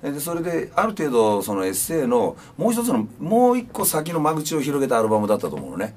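A man's voice: a little high, wildly swooping pitch, fast talker, darkish tone, a little hiss or hum. A man in his fifties, a punk band singer, talking casually and reflectively in an interview with many fillers. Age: 50s.

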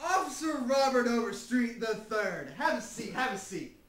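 An actor playing a fussy, flamboyant, cowardly starship captain in an amateur comedy film, recorded in an echoey room from a distance. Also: male voice, very high voice, big pitch swings, normal speed, a bit bright, a little hiss or hum, heavily acted. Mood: chatty.

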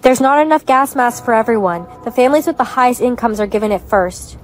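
High-pitched dramatic storytime woman. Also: expressive, fast talker. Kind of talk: animated storytime narration with character voices.

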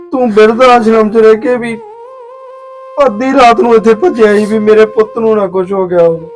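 A man playing a grown son who regretfully pleads with his mother. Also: sits high. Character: remorseful grown son, guilty and tearful. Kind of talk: village drama acting.

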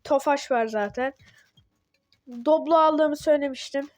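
A woman giving casual gameplay commentary as a channel host, excitable and talking back to the game when things go wrong. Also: sits high, unhurried, dry recording. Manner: excitable, talks to the game, grumbles and yelps at mistakes.

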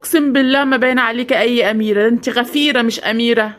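A woman's voice: on the high side, fairly even intonation, rapid-fire, slight background noise, close to an everyday voice. A woman voicing a nervous young man who finds a magic lamp, speaking with an Egyptian Arabic accent and brushing people off. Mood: dismissive.

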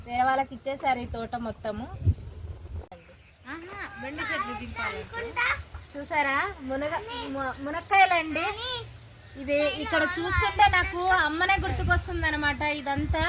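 A woman, chatting casually to viewers as host of her own cooking channel while out and about. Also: sits high. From India. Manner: chatty, addresses viewers directly. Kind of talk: casual travel vlog. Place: outdoors and in a car. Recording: noisy outdoor phone recording.

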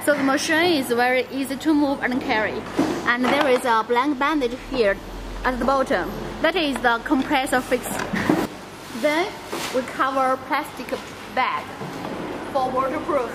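A young woman leads viewers across a factory floor and into a warehouse, explaining each stage and pointing out details. Her voice is high and a little slow. The hall is echoey and full of loud background noise.

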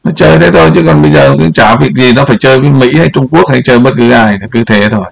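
Gravelly-voiced older man, rambling. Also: medium pitch, quick pace. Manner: rambling, repeats words, points at the map. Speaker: political commentary host. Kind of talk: casual commentary over a map.

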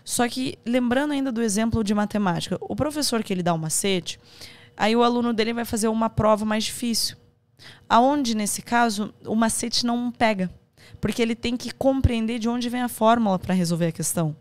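Animated Brazilian woman podcast guest. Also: on the high side, fairly quick. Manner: animated, acts out quoted advice. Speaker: podcast guest, course instructor. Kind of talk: conversational interview.

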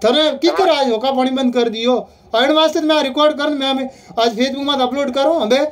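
This speaker, who has a Rajasthani accent, keeps pressing the same points in a heated phone argument, insistent and repetitive. The voice is high-pitched and fairly quick.

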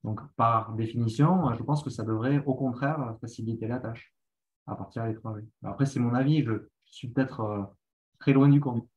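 A man's voice: mid-range voice, normal speed, darkish tone, rough recording. A man on a video call, speaking earnestly and reflectively in a casual panel discussion.

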